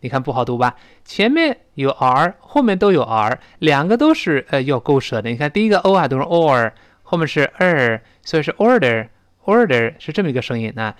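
A man from China teaching English pronunciation in a recorded lesson, explaining and demonstrating sounds slowly and loudly. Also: on the high side, big pitch swings, dry recording.

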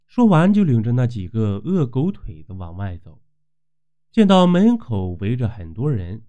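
A male storyteller tells a dramatic folk tale with a lively, swooping delivery and plenty of exclamations. His voice is mellow and warm, and it comes through a dull, lo-fi recording. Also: medium pitch, moderate pace.

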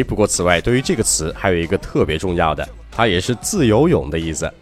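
Lively low-voiced man teaching English pronunciation. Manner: lively, slow careful demonstration of words. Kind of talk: podcast pronunciation lesson.

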